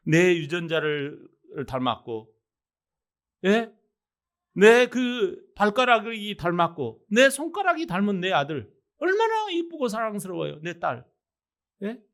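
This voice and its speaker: A man's voice: high voice, fairly bright tone. A male pastor preaching a sermon, emphatic, often addressing the congregation with rhetorical questions.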